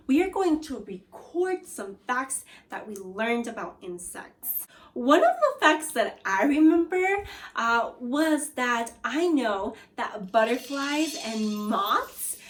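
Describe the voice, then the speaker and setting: High, animated and slow, this elementary school teacher's voice carries a read-aloud lesson for young children. She questions and guides the pupils directly, staying encouraging and instructive.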